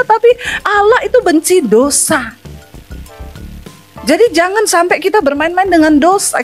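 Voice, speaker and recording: A middle-aged woman pastor preaching a sermon, emphatic and scolding as she addresses the congregation directly. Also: very high-pitched.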